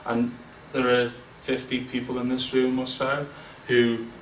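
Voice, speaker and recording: Before an audience in a large event room, a guest speaker in his forties gives an informal business speech, candid and self-deprecating, frequently halting and starting over. His middling pitch is monotone and his delivery unhurried. A distant mic captures him across the roomy space amid a faint hum of ambience.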